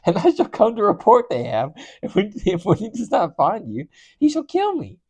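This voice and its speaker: A man voicing a frightened male servant who pleads, his voice jumping high with nervous agitation. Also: lively intonation, a little fast, dark tone, close to an everyday voice. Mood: panicked.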